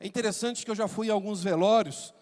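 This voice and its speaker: A middle-aged Brazilian man preaching a sermon as pastor, with emphatic delivery, dramatic pauses and rising shouts. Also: sits high. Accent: Brazilian Portuguese. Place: large church sanctuary. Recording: long hall reverb in a church.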